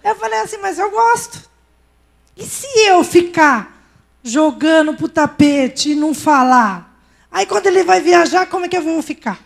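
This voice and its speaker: A middle-aged woman with a Brazilian Portuguese accent preaches to a women's service. Her voice sits high, and she talks in an easy, conversational way, telling stories from her own home. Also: lively intonation, moderate pace, gravelly. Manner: conversational, tells personal stories. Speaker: pastor's wife preaching. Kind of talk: sermon at a women's church service.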